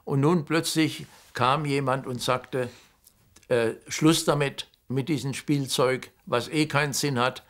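A man's voice: mid-range voice, fairly even intonation, slow pace, fairly bright tone. A man in his eighties explaining the past in an interview, emphatic and phrase by phrase. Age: 80s. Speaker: eyewitness interviewee.

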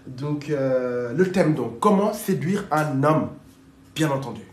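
A fairly high-voiced man runs a casual phone livestream as a dating coach. He chats in an upbeat, coaxing way, urging his viewers to share. His voice rings in an echoey room. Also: expressive, takes it slowly.

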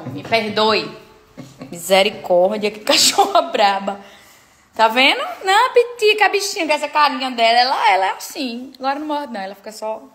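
A woman's voice: a little high, fairly bright tone. A woman, chatting playfully in a casual vlog and fussing over her pets. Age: 30s. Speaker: digital influencer.

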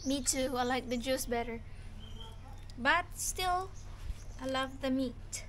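Filipina mom vlogging at home, high bright voice, chatty and easygoing. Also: female voice, takes it slowly, slight background noise. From Philippines. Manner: chatty, informal. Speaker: family vlogger. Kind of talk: casual home vlog chat.

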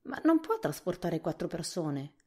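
A woman reading a storybook softly, voicing an earnest, practical young boy. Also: fairly low pitch, big pitch swings, normal speed, breathy edge, pitched above the performer's own voice.

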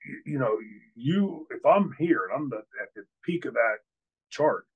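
The audio is narrow and tinny as this older man, a host who once wrestled, tells a candid story in an interview over a webcam video call from his hotel room. His medium-pitched, breathy-edged voice is animated but a little slow, and he fills it with many fillers and restarts.

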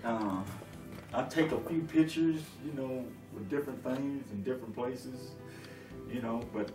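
Seated on a sofa in his living room, a middle-aged man who drives long-haul trucks chats through a casual interview at a measured pace in a medium-pitched voice. He restarts often and leans on fillers, with music playing under a distant, roomy recording.

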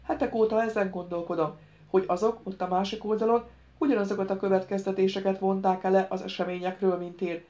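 A woman reading an audiobook, voicing a stout, mustached male official who speaks in a calm, lecturing, firm way. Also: medium pitch, dull audio, lightly acted.

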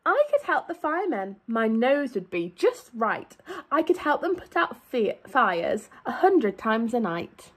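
With a slightly high, fairly bright voice that carries a touch of roughness, a young primary teacher reads a storybook to children. Her pitch swings widely and her pace stays measured as she stretches key words for emphasis.

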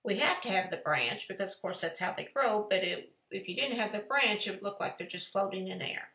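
Woman, live painting tutorial, chatty step-by-step, gravelly voice, echoey room. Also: mid-range voice, animated, brisk, sharp tone. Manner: chatty, folksy step-by-step instruction. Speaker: painting teacher.

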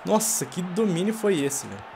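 A Brazilian man with a fairly high voice commentates casually on the football video game he is playing. He sounds like a panicking gamer, anxious and full of exclamations. Stadium game noise is clearly audible behind him. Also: very animated, moderate pace. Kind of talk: live gameplay commentary, casual. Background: football video game stadium ambience.

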